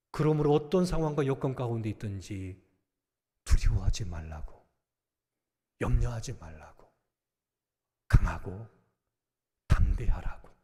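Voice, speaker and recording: A middle-aged man, a senior pastor, preaching a sermon with emphatic swings between loud exhortation and hushed near-whispers. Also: lowish voice. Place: large church sanctuary. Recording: long reverb of a church sanctuary.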